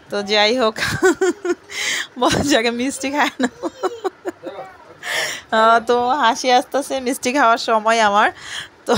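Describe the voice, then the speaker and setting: A woman's voice: on the high side, a bit bright. A woman from Bangladesh, chatting casually to her viewers while sorting groceries at home. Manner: chatty, addresses viewers as friends. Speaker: home vlogger. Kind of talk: casual home vlog narration.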